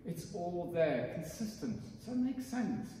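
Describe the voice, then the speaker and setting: Vicar preaching in an echoey church. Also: male voice, sits high, very animated, measured pace, mellow, distant mic, slight background noise. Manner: conversational storytelling, acts out quoted voices. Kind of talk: sermon. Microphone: distant mic.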